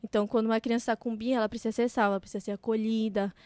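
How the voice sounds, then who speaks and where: A woman with a high voice talks through parenting ideas on a podcast, giving thoughtful examples. She is recorded close and dry, with no room sound. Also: little pitch movement, racing, a little mellow, no echo. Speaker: podcast co-host and mother. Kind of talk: casual podcast chat.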